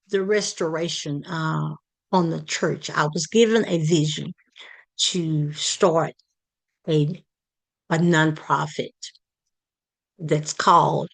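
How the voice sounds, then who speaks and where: A woman gives a community presentation, taking her time and pausing often on fillers and restarts. Her voice sits fairly low, and her delivery is unhurried and halting. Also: creaky. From Palestine, Texas. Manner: hesitant, many fillers and restarts. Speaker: community project leader presenting.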